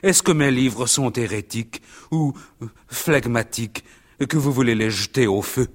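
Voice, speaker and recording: A man's voice: medium pitch, moderate pace, natural voice. A man voicing a simple, book-loving middle-aged innkeeper in an audiobook. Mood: indignant. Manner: hearty, stubborn.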